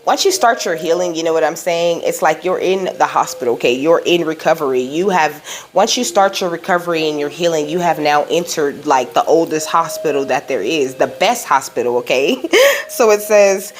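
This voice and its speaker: This psychic tarot reader has a low, animated voice and talks at a normal pace. Her card reading is casual, rambling and reassuring, full of "you know" and "okay?" as she passes along what Spirit is saying.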